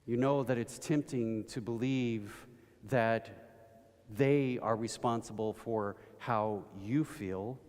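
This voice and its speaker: Slow-speaking preacher in an echoing hall. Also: male voice, medium pitch, a little mellow. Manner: slow, storytelling delivery with rising emphatic bursts. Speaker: pastor. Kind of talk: sermon. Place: church sanctuary. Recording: long reverb of a church hall.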